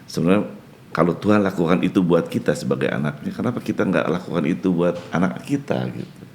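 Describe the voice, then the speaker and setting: Deep, gravelly older man telling stories. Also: animated, fast, a little hiss or hum. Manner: warm storytelling, often addressing the host. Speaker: pastor. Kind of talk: podcast conversation.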